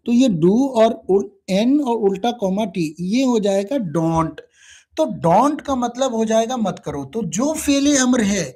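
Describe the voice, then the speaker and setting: Male online tutor, high voice with a mellow tone, spells out words slowly. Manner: spells words letter by letter, drills phrases slowly. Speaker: English teacher. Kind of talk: live online lesson.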